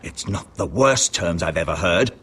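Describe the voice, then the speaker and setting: An actor playing a weary, conciliatory counsellor in a dramatic video game, hesitant and subdued. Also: male voice, sits low, lively intonation, moderate pace, a bit bright, husky, heavily acted. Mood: resigned.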